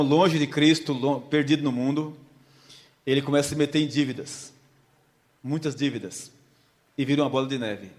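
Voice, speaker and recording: Preacher man in a reverberant hall. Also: mid-range voice. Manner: storytelling, asks the congregation questions. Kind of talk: sermon with a volunteer illustration.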